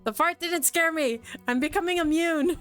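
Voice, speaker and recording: A woman's voice: very high voice, moderate pace, fairly bright tone, soft background music. A woman streamer reading a visual novel aloud with commentary, giggling often between lines.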